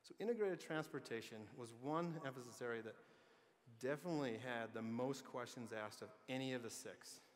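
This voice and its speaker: A man's voice: medium pitch, brisk. A man giving an earnest, plain-spoken keynote speech at a conference, with light joking asides. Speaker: transportation agency leader giving a conference speech. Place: large conference hall. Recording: long reverb of a big hall.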